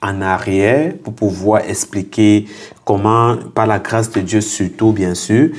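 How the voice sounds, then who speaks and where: Young guy with a lowish voice, earnest, says things twice to drive it home, guest on a chat show. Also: fairly even intonation, takes it slowly. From Cameroon. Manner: earnest, repeats phrases for emphasis. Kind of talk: casual interview, telling his story.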